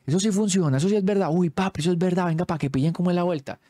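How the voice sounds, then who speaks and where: A man, in the middle of a story, slips into a pushy teenage schoolboy, his voice jumping higher and louder as he insists. The tone stays dark and mellow, with a dry, close sound. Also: rapid-fire, no room sound. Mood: eager. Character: excited teenage schoolboy friend.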